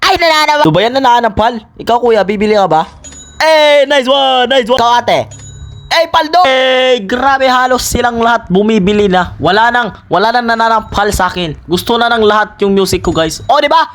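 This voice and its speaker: Excitable high-voiced Filipino man gaming. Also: moderate pace. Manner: excitable, playful, switches between Tagalog and English. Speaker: gaming content creator. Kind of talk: casual gameplay commentary. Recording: faint game music behind.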